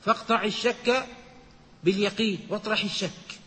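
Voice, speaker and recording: A man giving a religious lesson, quoting texts and explaining them in a measured teaching manner. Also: high voice, steady tone, pushed and bright, in a large hall. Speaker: Islamic scholar.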